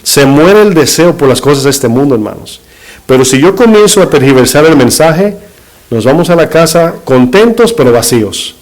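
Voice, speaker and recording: A man's voice: a little high, expressive, moderate pace, a little mellow, low-quality recording. A middle-aged man, a pastor, preaching a sermon in short emphatic phrases and putting rhetorical questions to his congregation. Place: church.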